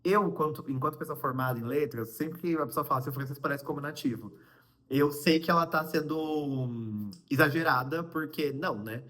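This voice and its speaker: A chatty young Brazilian man talking to his vlog viewers in a Brazilian Portuguese accent. His voice sits a little higher than most men's. He wanders through fillers and little asides as he tells his news. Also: moderate pace, a bit bright. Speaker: vlogger. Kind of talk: casual vlog chat.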